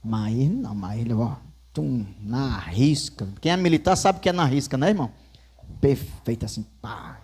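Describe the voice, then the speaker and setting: A man's voice: mid-range voice, lively intonation, moderate pace, a little mellow, breathy edge. A man with a Northeastern Brazilian accent, a pastor preaching a sermon in church with folksy asides and storytelling.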